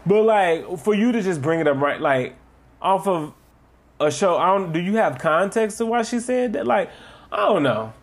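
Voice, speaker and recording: A man's voice: high-pitched, lively intonation, moderate pace. A man co-hosting a podcast in casual chat, swearing freely and mimicking people in exaggerated tones. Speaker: podcast co-host.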